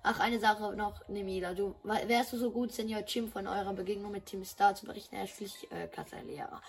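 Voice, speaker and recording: A woman's voice: medium pitch, flat delivery, a little fast, natural voice. A woman voicing a polite, formal male school principal in a game dub, with slight stumbles. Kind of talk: dubbing game dialogue.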